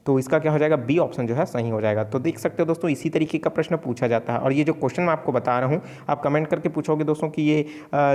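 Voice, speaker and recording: A man's voice: medium pitch, darkish tone, in a large hall. A man from Chhattisgarh teaching an exam-prep Hindi grammar lesson, speaking casually to viewers as friends and answering his own questions.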